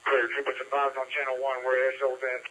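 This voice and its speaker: Fast, bright male officer over police radio. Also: medium pitch, monotone. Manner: brisk procedural radio talk. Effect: police two-way radio transmission. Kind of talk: clipped radio codes.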